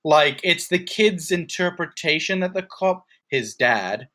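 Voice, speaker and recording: A woman's voice: on the low side, expressive, unhurried, bright, forceful tone. A woman co-hosting a podcast, chatting about a movie in a wry way and laughing often. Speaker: podcast co-host. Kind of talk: casual movie discussion.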